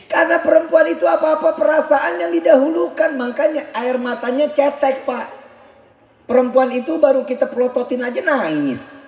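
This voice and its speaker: A man giving a humorous sermon, firing rhetorical questions at the crowd and now and then breaking into shouts for emphasis. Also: very high-pitched, moderate pace. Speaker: preacher. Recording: echoey live venue.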